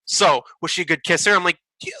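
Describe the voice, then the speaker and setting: High, very bright, animated young man. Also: no room sound. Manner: animated, quick laughter. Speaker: podcast co-host. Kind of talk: casual chat.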